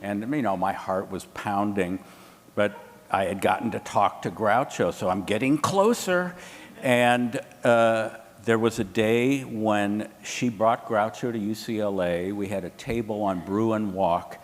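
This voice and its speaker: A man's voice: fairly low pitch, a little slow. Storytelling man in a reverberant room. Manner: animated, quotes others in lively voices. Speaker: panelist. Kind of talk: anecdotal storytelling. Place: hotel event room.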